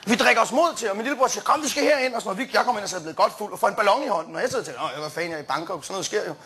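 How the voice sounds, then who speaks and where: A young man doing stand-up, telling a rambling story with plenty of fillers, restarts and quick jumps into quoted voices. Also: sits high, animated, bright, forceful tone. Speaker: stand-up comedian. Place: comedy stage before a live audience.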